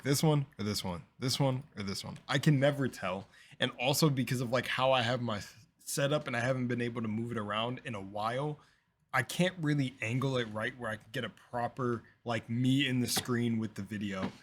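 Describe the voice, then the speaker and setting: Speaking at medium pitch and a moderate pace, a young man with a slight lisp runs a laid-back reaction video. He rambles, packs in fillers, and jumps from loud outbursts to quiet mumbling.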